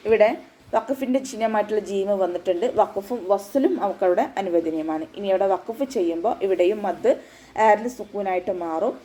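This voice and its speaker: Woman teacher walking through recitation rules slow and patient, soft mellow voice. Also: mid-range voice, rough recording. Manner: patient step-by-step instruction, with frequent checks for understanding. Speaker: Quran teacher. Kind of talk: recorded tajweed lesson.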